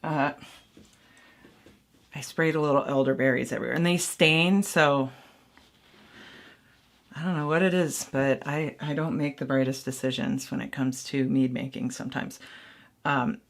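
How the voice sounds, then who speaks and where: Speaking with a rumbling low voice at a moderate pace, a woman makes mead at home and casually talks viewers through each step. Her intonation is fairly even and she pauses often, rambling and thinking aloud while teasing herself about her mistakes in this how-to vlog.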